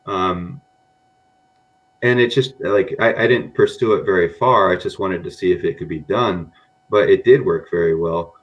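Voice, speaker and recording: On a muffled recording, a low-pitched man speaking at normal speed appears as a guest on a data podcast. Raised in Japan among Americans, he has a mixed American accent and rambles casually with frequent "um"s and "you know"s.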